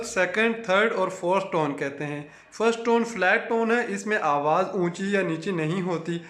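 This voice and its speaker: A man with a Pakistani Urdu accent narrating a language lesson in a measured, explanatory way. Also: high-pitched, a bit bright, reverberant. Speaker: language teacher.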